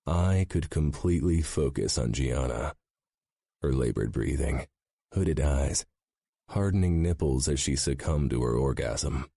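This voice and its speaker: A man narrating a romance audiobook in the first person, with a low, even, intimate delivery. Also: unhurried, vocal fry, breathy edge, no room sound, clean studio sound.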